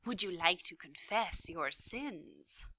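Woman doing a sneaky male rat, soft silky whispery voice, talks slow, very dry close sound. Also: fairly low pitch, lively intonation, breathy edge, no room sound, heavily acted. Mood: coaxing. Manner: hushed, silky, drawn-out whispering. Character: sly scheming male rat, soft-spoken and slippery.

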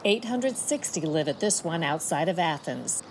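A woman reporter narrating a news report in a measured, matter-of-fact way. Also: sits low, animated, background noise.

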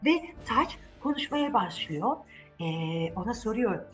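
A woman tells a story to children in an animated, conversational way, often asking her young listeners questions. Her medium-pitched voice has lively intonation and a measured pace. The audio is muffled, with music playing behind her.

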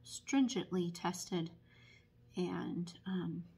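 A woman teaching barn quilt painting at a table in a casual, unhurried tutorial full of ums. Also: fairly low pitch, creaky, mellow, breathy edge. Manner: unhurried, many ums, explanatory. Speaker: painting instructor and paint retailer.

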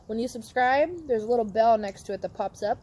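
Vlog host lady, kinda high voice, chatty, urging viewers to subscribe. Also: animated, a little fast, warm tone, a little hiss or hum. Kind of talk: casual chat. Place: outdoors.

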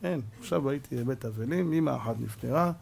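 A rabbi giving a sermon, telling stories with lively acted-out dialogue and pressing rhetorical questions at his listeners. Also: medium pitch, vocal fry, husky. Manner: animated storytelling, acts out dialogue, repeated rhetorical questions. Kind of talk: Torah lesson sermon.

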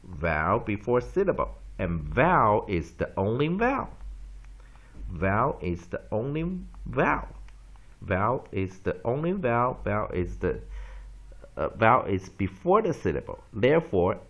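A man teaching an English pronunciation lesson. He repeats words slowly for drilling and mixes English terms into his Chinese. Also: fairly low pitch, big pitch swings. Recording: dull lo-fi recording.

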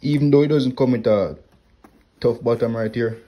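Indoors at home on a wooden floor, an HVAC technician shows off his tools in a relaxed show-and-tell vlog, filming his hands with a phone held close. He speaks plainly at normal speed in a mid-range voice, often saying "like" and "right here." The high frequencies are cut off.

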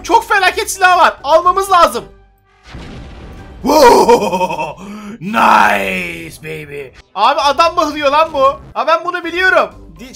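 A young-sounding man with a high, bright voice rattles off lively gameplay commentary, full of excitable teasing and trash talk. He speaks from a desk setup indoors, with faint music running underneath. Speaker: gaming YouTuber. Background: faint background music.

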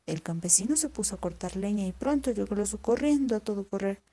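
A woman reads a children's folk tale aloud, clear and measured. Her voice sits at an average pitch with a mellow, warm tone. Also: lively intonation. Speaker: storyteller. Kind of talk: children's story narration.

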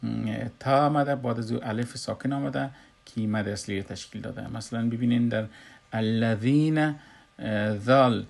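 A man with an Afghan Dari accent teaches Quran recitation in a recorded lesson, explaining slowly and pausing often with "uh". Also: mid-range voice, steady tone, creaky. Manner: slow, explanatory, with frequent "uh" pauses.

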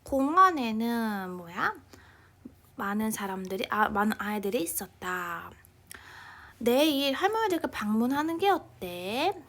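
A young woman teaching English grammar in a casual online lecture, chatting informally and reading example sentences slowly, now and then dropping to a near-whisper. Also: a little high, big pitch swings, a bit bright.

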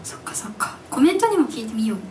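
A woman's voice: fairly high pitch, quick pace. Giggly young woman chatting from a live-club stage. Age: 20s. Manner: chatty, giggly, animated storytelling. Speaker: singer-songwriter at her own live show. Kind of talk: casual stage MC chat with the audience. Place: live music venue stage. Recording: distant mic in a live club, faint background noise.

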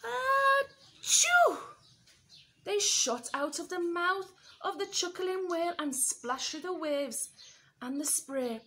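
A woman teacher reading a picture book aloud to young children, expressive and asking them questions. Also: extremely high pitch, unhurried.

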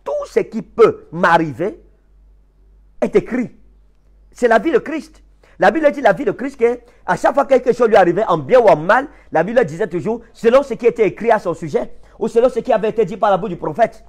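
A man with a Cameroonian French accent preaching a sermon, emphatic, swinging from high impassioned peaks to low quiet passages. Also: expressive, brisk. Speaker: prophet preacher.

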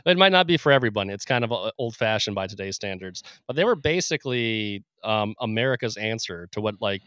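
A man's voice: on the low side, animated, fairly quick, fairly bright tone, dry recording, studio quality. A man co-hosting a podcast, talking casually with lots of fillers and laughs. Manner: laughs often, rambling with fillers. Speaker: podcast co-host. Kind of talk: casual chat.

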